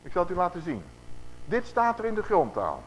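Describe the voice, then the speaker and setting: Male preacher, fairly high voice, emphatic sermon delivery, drawn-out scripture readings, rhetorical questions to the room. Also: huge pitch swings, a little hiss or hum, low-quality recording. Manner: emphatic, slows and swells on scripture quotes, asks the congregation questions.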